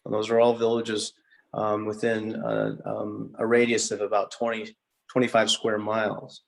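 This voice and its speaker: A man giving an informal guided tour inside a cathedral, explaining things reverently and haltingly, often pausing mid-sentence. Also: lowish voice, monotone, vocal fry.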